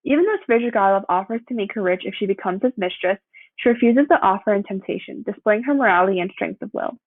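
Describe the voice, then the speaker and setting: A young woman reading a prepared student presentation aloud. She keeps a steady pace and sometimes stumbles and corrects herself. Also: mid-range voice, quick pace, dry recording. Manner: steady read-through with occasional slips and self-corrections. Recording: dry, tinny phone-like sound.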